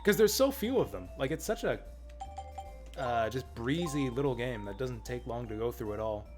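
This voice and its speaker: A man's voice: mid-range voice, expressive, normal speed. A man streaming a game, giving casual, rambling, enthusiastic fan commentary. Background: video game music and dialogue.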